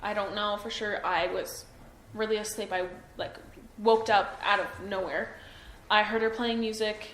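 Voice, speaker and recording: A woman's voice: medium pitch, steady tone, a little slow, a bit bright. Hesitant young woman in an echoey room. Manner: hesitant, full of ums and self-doubt. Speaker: interviewee. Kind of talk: recorded police interview. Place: interview room. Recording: echoey room, faint noise.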